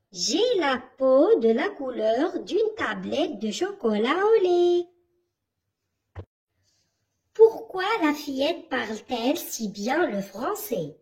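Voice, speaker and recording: In this children's reading lesson, a female primary teacher guides the kids through a passage. Her voice is high and lively, and she keeps a steady, slow pace, teaching through questions.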